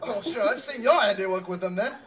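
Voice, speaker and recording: An exasperated, scolding God with a Cockney accent as a comic performer acts it out. The pitch leaps about in incredulous, indignant swings, and the voice sits a little away from the mic. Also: expressive, quick pace, distant mic, over a noisy crowd, natural voice. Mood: scolding, amused. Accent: British, Cockney. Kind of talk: comic two-hander dialogue.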